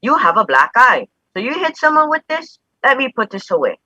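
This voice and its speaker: An anxious, protective grandson, played by an actor, with a bright, husky voice that rises and falls a lot as he pleads. The sound is dull and dry, with no room at all around it. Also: very high-pitched, sing-song, brisk, no room sound, heavily acted. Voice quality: urgent, pleading. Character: worried young adult grandson, anxious and protective. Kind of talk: live-streamed stage play.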